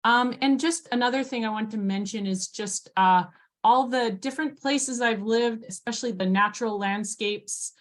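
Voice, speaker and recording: A woman in her forties from Hawaii presents in a webinar over a video call. She talks in a relaxed way and often fills pauses with ums and uhs. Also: fairly high pitch. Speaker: guest speaker.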